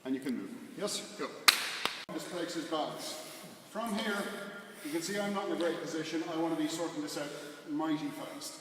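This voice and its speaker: A man's voice: a little high, moderate pace. Echoey, distant male martial arts instructor. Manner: short, clipped instructions. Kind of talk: hands-on class demonstration with casual explanation. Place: large echoey indoor training hall. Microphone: distant camera microphone. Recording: echoey hall from afar, clear background noise.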